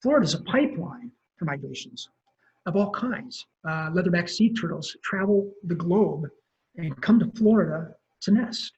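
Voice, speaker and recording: A man's voice: high-pitched, animated, normal speed, a little mellow. Man, wildlife professor type, casual lecture, lots of ums, muffled webinar sound. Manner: casual, rambling, frequent ums and self-corrections. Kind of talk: conversational lecture.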